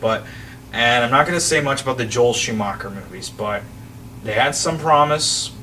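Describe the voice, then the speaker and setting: A man chats casually about films, wandering through his points and restarting sentences as he goes. His voice sits mid-pitch. He sounds a bit distant from the microphone, with a faint hum of ambience behind him. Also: moderate pace, bright, forceful tone. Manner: rambling, restarts sentences, chuckles. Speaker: podcast host.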